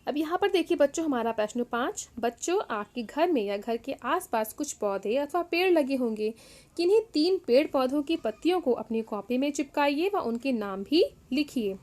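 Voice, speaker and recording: High-voiced woman teaching young children. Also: lively intonation, moderate pace, a little mellow. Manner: patient, repeats each word, addresses "children" often. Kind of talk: worksheet lesson for young children.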